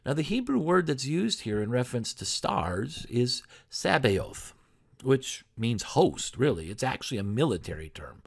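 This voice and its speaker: A man's voice: medium pitch, big pitch swings, moderate pace, gravelly, breathy edge. A man pastor giving a sermon in a conversational preaching style, full of rhetorical questions.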